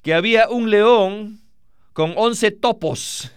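A man preaching a sermon in a high, slow, carefully paced voice. He is earnest and emphatic and speaks directly to his listeners. His tone is clear and smooth, recorded dry and close. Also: no echo.

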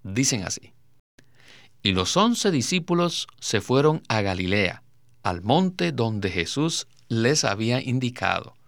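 Male Bible program host, measured scripture reader, gravelly, dry studio sound. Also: medium pitch, sing-song, no room sound. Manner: measured, reads verses aloud. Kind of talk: scripture reading and program presenting.

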